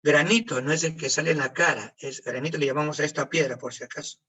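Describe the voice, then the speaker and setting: A man teaching a chemistry class over a video call, lively, asking questions and answering them himself. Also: fairly high pitch, fast talker, husky, distant mic, poor audio. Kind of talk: online class lecture. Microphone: computer mic on a video call.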